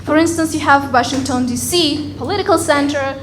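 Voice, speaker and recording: A woman from Russia with a Russian accent doing a deadpan stand-up set on a comedy club stage. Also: high voice, brisk. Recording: loud crowd and room noise in a club. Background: audience laughter.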